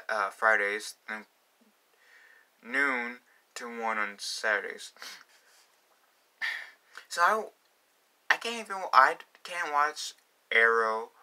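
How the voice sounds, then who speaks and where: A man's voice: medium pitch, sharp tone. A young man talking casually in a fan vlog, rambling with many fillers and restarts. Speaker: vlogger.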